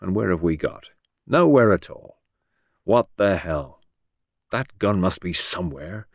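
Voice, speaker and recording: A man's voice: deep voice, lively intonation, unhurried, creaky, no echo, clean studio sound, heavily acted. A man doing a grumbling, gloomy police inspector. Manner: grumbling, blunt. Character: gloomy middle-aged English police inspector.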